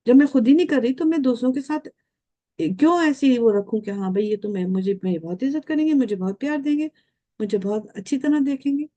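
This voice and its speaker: A woman's voice: high voice, brisk, mellow, highs cut off. A woman of nearly sixty, a guest speaker giving an earnest, reflective talk, putting questions straight to the viewers and dropping English phrases into her speech. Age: 50s.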